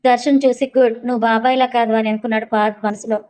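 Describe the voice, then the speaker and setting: A woman reading a serialized story aloud as narrator, in a brisk, even reading voice. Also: on the high side, low-quality recording.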